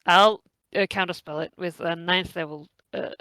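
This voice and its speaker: A woman's voice: on the low side, fairly even intonation, normal speed, bright, forceful tone, smooth. A woman chatting casually as a player in a tabletop role-playing game.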